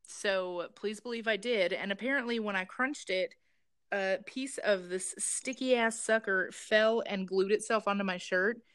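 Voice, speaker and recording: A woman's voice: medium pitch, measured pace, fairly bright tone, clean tone, no echo, clean studio sound. A young woman co-hosting a casual podcast, cracking crude jokes and telling rambling stories. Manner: crude, joking, storytelling. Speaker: podcast co-host.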